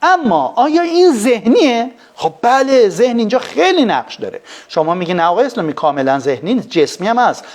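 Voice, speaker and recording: A man, a psychologist, giving an animated lecture on a live stream, full of rhetorical questions. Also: sits high, hardly any pauses. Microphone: phone.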